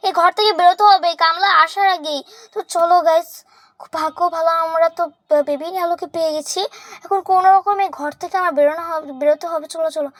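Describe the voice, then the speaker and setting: A woman's voice: very high-pitched, fairly even intonation, dry recording, clean studio sound. A woman vlogger narrating a doll role-play and chatting to her viewers. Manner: fast, chatty, addresses viewers as guys.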